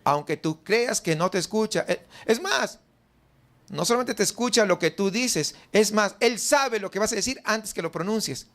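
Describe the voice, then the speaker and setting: Here the pastor, a man with a high pitch and Mexican Spanish accent, sounds expressive and a bit bright, moving at a moderate pace. Throughout his church sermon he asks rhetorical questions and loudly dramatizes the congregation's doubts.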